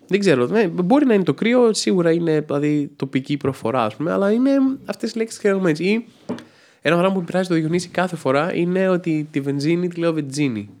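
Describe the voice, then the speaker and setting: A man's voice: sits high, a little mellow. A man, a stand-up comedian from Trikala with a Thessaly accent, chatting casually and rambling with many fillers as a podcast guest. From Greece, Trikala. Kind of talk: casual chat.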